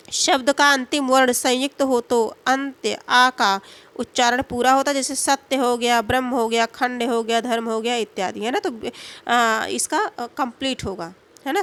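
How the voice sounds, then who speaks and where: A woman teaching a Hindi grammar lesson, asking the class questions and answering them herself, and sounding out letters slowly. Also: fairly high pitch, a bit bright.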